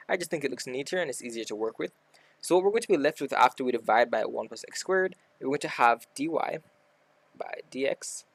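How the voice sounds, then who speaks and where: A man's voice: mid-range voice, fairly bright tone, dry recording. A man tutoring maths, talking casually through a worked example step by step and correcting himself as he goes. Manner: talks through steps aloud, self-correcting. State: hiccuping.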